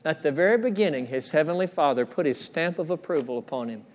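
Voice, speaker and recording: A middle-aged male pastor preaching a sermon in a church, earnest, repeating phrases and dropping to a soft hush for quoted words. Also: a little high, animated, fast talker. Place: church sanctuary.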